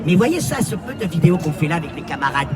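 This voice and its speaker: On a city street during an outdoor protest, a woman with a low, very animated voice talks fast, insistently demanding an answer, lecturing and repeating her demands in a heated argument. She sounds distant against a noisy background of loud crowd and music.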